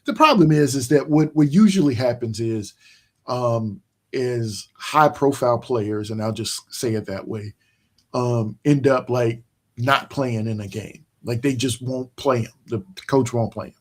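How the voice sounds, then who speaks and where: A man hosting a casual sports chat, rambling and restarting his sentences as he makes his points. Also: medium pitch. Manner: rambling, many restarts and fillers, slow emphatic points. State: yawning, tired. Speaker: podcast host.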